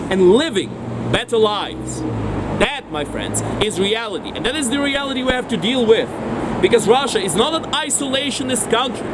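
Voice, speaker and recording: A man giving an impassioned, declamatory speech at an outdoor rally. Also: very high-pitched. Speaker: rally speaker. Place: outdoors on a city street. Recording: street noise outdoors.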